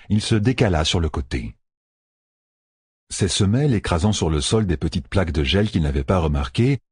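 A man with a husky voice narrating an audiobook with expressive storytelling. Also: deep voice, no echo. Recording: dry close recording.

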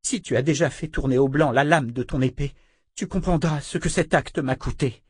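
A man's voice: fairly high pitch, normal speed, breathy edge, no room sound, studio quality, pitched above the performer's own voice. A man voicing a stern, cold, commanding sister who wields magic in an audiobook.

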